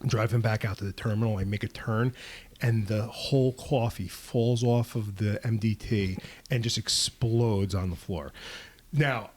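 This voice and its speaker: A man's voice: on the low side, measured pace. A man hosting a podcast, a police officer telling funny stories in a casual chat and laughing at himself. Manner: animated, laughs at his own stories.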